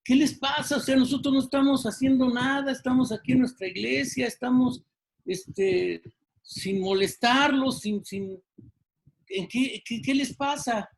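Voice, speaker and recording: A man's voice: very high voice, a little slow, gravelly, voice pushed up, exaggerated voice. A man voicing a nervous middle-aged pastor who pleads with a crowd. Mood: nervous, pleading.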